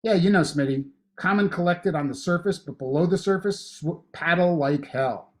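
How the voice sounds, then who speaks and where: A man's voice: fairly high pitch, normal speed, slight background noise, voice pushed up, natural voice. A man reading the lines of a blunt, encouraging older female graduate student. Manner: firm, encouraging, matter-of-fact.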